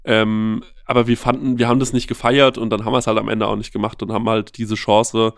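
A man, a guest who hosts a film podcast, talking casually and telling animated stories with many fillers. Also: on the low side, quick pace, no echo, clean studio sound. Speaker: podcast host, guest here. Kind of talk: casual interview chat.

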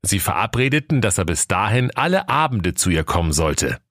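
A man with a northern German accent narrating a comic fairy tale in a lively, playful way. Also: on the low side, brisk, no echo, clean studio sound. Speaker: storyteller.

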